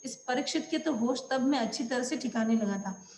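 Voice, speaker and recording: Brief: grumbling old red letterbox uncle, scolding and high, read by a woman teacher, echoey room. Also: a little fast, a little mellow, a little hiss or hum, close to an everyday voice.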